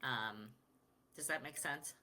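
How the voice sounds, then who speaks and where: A woman's voice: extremely low pitch, takes it slowly, bright, forceful tone. A woman hosting a podcast interview, asking questions and affirming her guest. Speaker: podcast host. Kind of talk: conversational interview.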